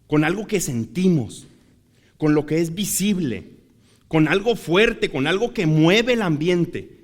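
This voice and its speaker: A young man preaching a sermon in Mexican Spanish, telling a story that swells from soft, easy talk to shouting. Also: fairly high pitch, animated, slow. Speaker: pastor.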